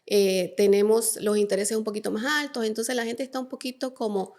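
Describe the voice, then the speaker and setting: A woman's voice: fairly high pitch, fairly even intonation, fairly quick, darkish tone. A woman hosting a podcast, interviewing a guest in a friendly, chatty way. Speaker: podcast host. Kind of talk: casual interview.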